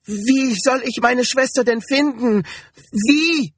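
A man's voice: high-pitched, animated, a little slow, slightly rough, dry recording, studio quality, voice pushed up, full character voice. A man voicing a desperate, frightened mother on a boat, pleading and crying out in panic. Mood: panicked.

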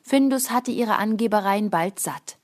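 Female storybook narrator, calm even delivery, medium pitch. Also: measured pace. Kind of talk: storybook reading.

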